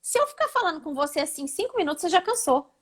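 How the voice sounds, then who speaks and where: A woman with a high voice teaching public speaking in a live online session. She explains things step by step and often shows what she means by shifting her intonation. She sounds like she is on a video call. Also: expressive, rapid-fire, fairly bright tone. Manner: didactic, demonstrates intonations. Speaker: oratory instructor, guest speaker.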